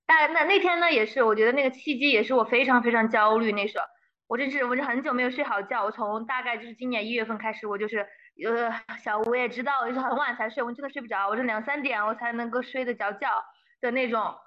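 A young woman, a guest in a casual interview, telling her story with animated energy and slipping English phrases into her speech. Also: on the high side, quick pace, muffled recording. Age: young adult.

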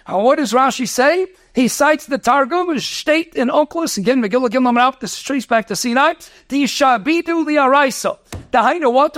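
A rabbi lecturing on Torah, talking quickly, mixing in Hebrew and Yiddish terms, asking rhetorical questions and telling stories. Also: male voice, very high voice, fairly bright tone, dry recording, clean studio sound. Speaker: rabbi teaching a Torah class.

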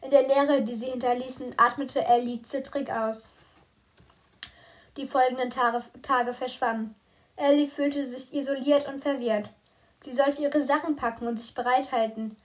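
A woman reading a novel aloud with steady narration and occasional slips. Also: sits high, normal speed. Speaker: audiobook reader.

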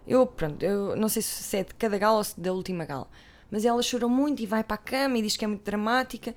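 A vlogger with a European Portuguese accent chats casually to viewers about TV, rambling and breaking off into asides. Her voice sits at a medium pitch and she talks quickly.

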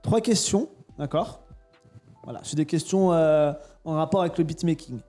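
A man's voice: on the high side, moderate pace, mellow, soft background music. A man in his thirties hosting a casual podcast quiz, teasing and playful. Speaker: podcast host.

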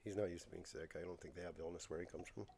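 Rambling man with a lowish voice and bronchitis. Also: steady tone, racing, gravelly, mellow, a little hiss or hum. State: coughing with bronchitis. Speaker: podcast co-host. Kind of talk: casual rambling podcast chat.

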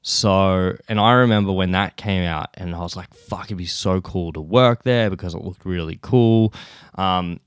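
A young Australian man talks through a loose, profanity-laced solo podcast episode, a bit drowsy from just waking up. His voice sits very low and comes through smooth and clear. The sound is close and dry, with no room around it. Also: dry recording. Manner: rambling, swears often, laughs between thoughts. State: sleepy, just woken up. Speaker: podcast host. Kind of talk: casual solo podcast chat.

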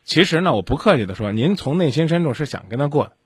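A man's voice: on the high side, big pitch swings, fast talker, slightly rough, dry recording, clean studio sound. A man hosting a call-in advice show, speaking bluntly in a lecturing, argumentative way. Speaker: radio advice host.

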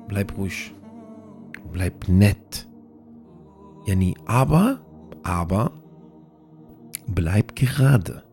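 A man's voice: fairly low pitch, darkish tone. A man hosting a religious audio series, giving earnest, repetitive advice in an informal way and mixing in Arabic religious phrases.

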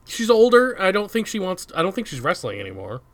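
A man's voice: sits high, wildly swooping pitch, fairly quick, a little hiss or hum. A man co-hosting a casual podcast, easygoing and laughing often. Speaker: podcast co-host.

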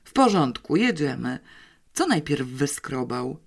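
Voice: medium pitch, big pitch swings, unhurried, gravelly, exaggerated voice. A wry, patient police captain in a storybook, read by the narrator, coaxing children along in a slightly mysterious way. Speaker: adult character in an audiobook. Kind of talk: audiobook character reading.

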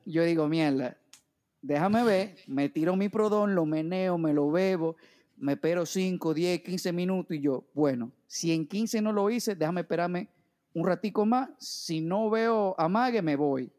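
High-voiced blunt man. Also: unhurried, a little mellow. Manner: blunt, comic, talks straight to his friends. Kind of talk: casual storytelling chat.

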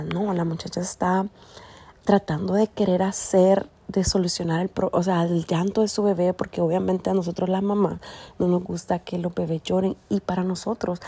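A woman's voice: fairly low pitch, vocal fry, dark tone, breathy edge. A young woman, a mother, telling a story in an earnest, indignant way. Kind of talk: casual vlog monologue.

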